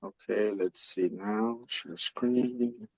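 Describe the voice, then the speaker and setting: A man's voice: on the low side, fairly even intonation, extremely slow, slightly rough, no echo, poor audio. A man working as a meeting coordinator, talking casually and helpfully over a video call. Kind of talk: casual helpful talk while screen sharing.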